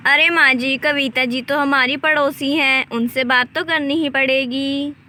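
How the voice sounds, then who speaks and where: A woman voicing a patient young village daughter-in-law in a doll story, speaking gently and unhurriedly. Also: high-pitched, fairly even intonation, a little slow. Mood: placating. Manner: gentle, placating.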